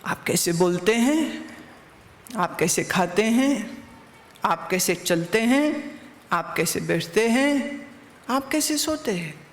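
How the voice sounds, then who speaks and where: A woman's voice: medium pitch, lively intonation, slow, pauses often, echoey room, in a large hall. A woman spiritual teacher giving a satsang discourse, teaching through anecdotes and rhetorical questions.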